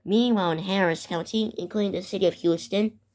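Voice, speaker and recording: With loud music playing in the background, a young woman in her teens or early adulthood makes an amateur video about a made-up emergency, mixing improvised narration with read-aloud weather warnings. Her medium-pitched voice is fairly quick and fairly even, and she trips over and repeats words.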